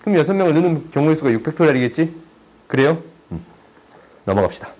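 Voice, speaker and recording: A young man tutoring high school math in a chatty, teasing way, often checking that students follow. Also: expressive, quick pace, a little mellow, poor audio. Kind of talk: casual online math lesson.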